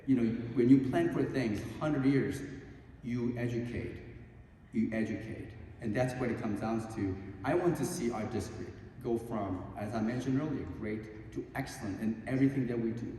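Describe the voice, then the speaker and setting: A man answering at a candidate forum, earnest and halting with many ums and restarts. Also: mid-range voice, mellow. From Korea. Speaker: school board candidate. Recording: echoey hall, distant mic, faint hum.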